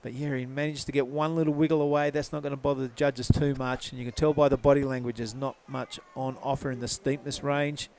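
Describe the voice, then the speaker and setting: A man's voice: medium pitch, little pitch movement, quick pace, vocal fry, few pauses, a little mellow, a little hiss or hum. A man giving live surf contest commentary in a laid-back, casual surfer announcer manner.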